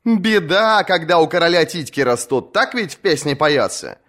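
A man's voice: on the high side, animated, normal speed, pitched above the performer's own voice. A jeering lame old sea dog, as a man puts him on. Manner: shouting, jeering. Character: lame rough male sea captain heckling.

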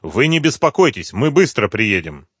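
A man's voice: mid-range voice, very animated, moderate pace, slightly rough, no echo, studio quality. A man voicing a male caller posing as a friend, speaking in a persuasive, reassuring way. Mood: smooth reassuring.

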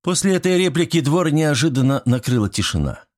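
A man reading an audiobook with lively, character-driven narration. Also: on the high side, a little fast.

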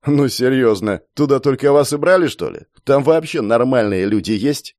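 A man's voice: mid-range voice, lively intonation, moderate pace, darkish tone, no room sound, clean studio sound, voice pushed up, lightly acted. A man voicing a cruel young man who taunts and threatens his captive in a sneering tone.

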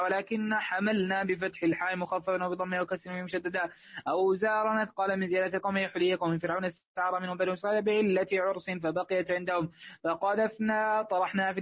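A man reading a classical commentary aloud as a student, in a fast monotone with quick self-corrections. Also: high voice, no echo. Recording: dry, phone-like line.

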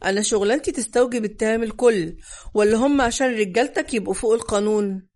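A woman reads a cool-headed male prosecutor in an Egyptian audiobook thriller, his voice deep and mellow. He speaks slowly and evenly, as if explaining the obvious. The tone sits a little high. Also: natural voice. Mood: calm, condescending.

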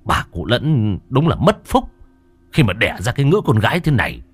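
A man's voice: medium pitch, huge pitch swings, moderate pace, husky, no room sound, soft background music. A man voicing a scornful villager who curses coarsely and sneers.

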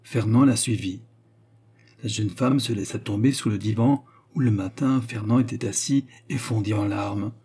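A man narrating a classic novel in a measured, expressive reading. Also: on the low side. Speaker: audiobook narrator.

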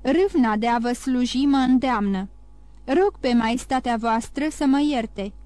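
A woman's voice: a little high, dark tone, dry recording, close to an everyday voice. Woman voicing a polite eager young magistrate, careful, dry close sound. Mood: deferential. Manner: careful, respectful. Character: young male magistrate, zealous and deferential.

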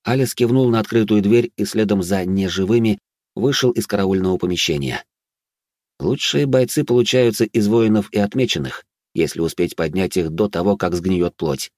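Low-voiced man narrating a fantasy book. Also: moderate pace, a little mellow, no room sound, studio quality. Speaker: audiobook narrator.

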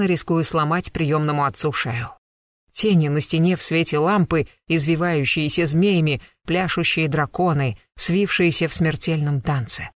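An audiobook narrator reading a dramatic chapter in a measured, expressive way. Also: medium pitch, no echo, studio quality.

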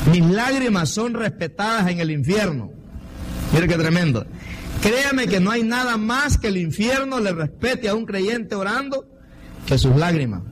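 A middle-aged man preaches a fervent sermon, his fairly high voice climbing to emphatic peaks. Steady background noise and passing traffic run under the recording. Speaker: pastor.

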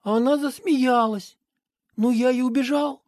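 A woman voicing Dima, a young boy who is earnest and upset, in a high pleading voice. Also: steady tone, measured pace, a little mellow, dry recording, studio quality.

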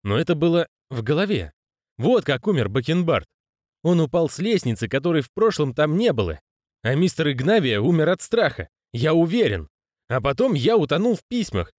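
Guy putting on a stressed-out conman, pitched up, all over the place, audiobook. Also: big pitch swings, normal speed, a little mellow, no room sound, studio quality. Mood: flustered. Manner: raised, flustered and protesting. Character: jittery male conman, young adult, exasperated. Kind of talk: audiobook character reading.

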